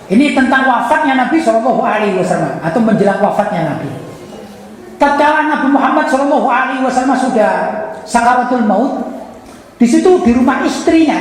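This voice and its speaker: Woman preaching in an echoey hall. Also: sits high. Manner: animated, quizzes the audience and acts out quoted dialogue. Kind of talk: religious lecture with storytelling. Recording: echoey hall with long reverb.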